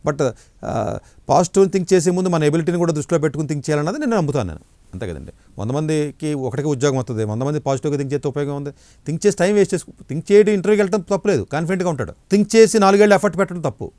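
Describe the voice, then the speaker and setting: A middle-aged man, an education counselor, giving blunt, forceful answers in an interview. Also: fairly high pitch, racing, dry recording.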